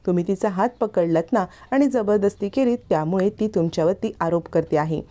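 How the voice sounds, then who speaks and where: A woman voicing a sharp-tongued, scheming young woman who talks in a needling, insistent way. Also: mid-range voice, fairly quick, lightly acted.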